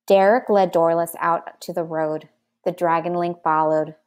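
A woman reading a children's book aloud in slow, careful storytelling. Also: on the low side, fairly even intonation, a little mellow, clean tone. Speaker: narrator.

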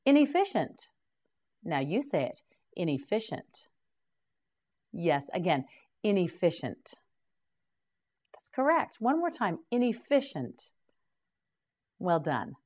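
A woman teaching English vocabulary, saying each word slowly and patiently prompting the learner to repeat it. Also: fairly low pitch, sing-song, a little mellow. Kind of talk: slow drilled word repetition.

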